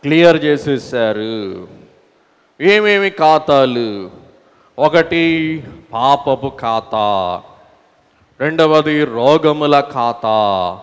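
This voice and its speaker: Telugu-accented pastor preaching in a reverberant hall. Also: male voice, a little high, clean tone. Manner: calls out to the congregation to answer aloud; breaks into sung hymn lines. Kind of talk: sermon.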